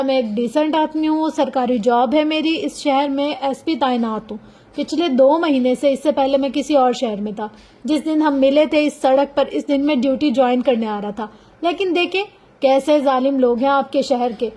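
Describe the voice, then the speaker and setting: Storybook lead: gentle persuasive young male officer, read by a woman, high voice. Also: normal speed, natural voice. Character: earnest young man, police officer, calm and soft-spoken.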